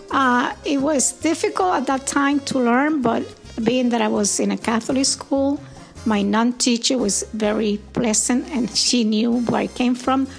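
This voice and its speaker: A grandmother in her 70s from Puerto Rico, whose first language is Spanish, is interviewed and tells reflective stories. Her voice is gravelly and a little high, and she speaks gently and unhurriedly with thoughtful pauses and "uh"s.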